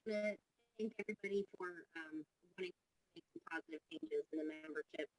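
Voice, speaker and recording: Man, high voice, earnest, plainspoken, dry sound, video call audio dropping out. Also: big pitch swings, brisk, dry recording, rough recording. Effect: video call audio breaking up and dropping out. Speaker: union member on a video call. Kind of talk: closing remarks in an online meeting.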